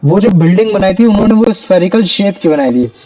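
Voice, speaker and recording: A man's voice: high-pitched, lively intonation, fast talker, a little mellow, poor audio. A man teaching a chemistry class, talking casually to his students and asking them questions. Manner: chatty, calls students "bhaiya".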